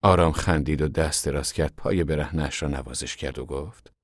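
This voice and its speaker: Man reading a novel aloud, really deep husky voice, dry close sound. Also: no echo. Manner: measured, literary storytelling delivery. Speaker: audiobook narrator. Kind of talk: scripted narration.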